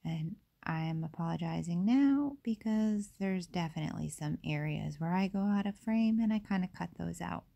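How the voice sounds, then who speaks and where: With a mellow, fairly low voice made slightly raspy by illness, a young woman casually explains a nail tutorial. She scatters plenty of fillers and asides throughout.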